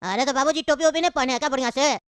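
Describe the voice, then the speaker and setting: A woman's voice: high voice, dry recording, studio quality, natural voice. A woman voicing a fussing, anxious son. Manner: fussing, advising, quick. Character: worried adult son on a phone call. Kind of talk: cartoon voice acting.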